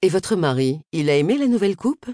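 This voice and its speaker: A woman voicing a confident, flattering male hairdresser in an audiobook, in a lowered, self-assured voice. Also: a little fast, no echo, clean studio sound.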